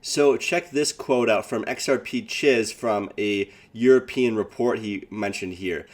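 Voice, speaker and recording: A man's voice: lowish voice, measured pace. A man hosting his own channel, talking casually with hype while reading news and quotes aloud. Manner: hyped, repeats "guys", reads quotes aloud. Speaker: crypto channel host.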